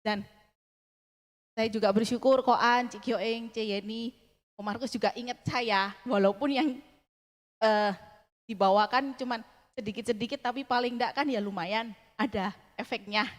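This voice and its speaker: A young woman giving a personal testimony at church, earnest and halting, with many fillers and restarts. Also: on the high side, fairly even intonation. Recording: long reverb of a large hall.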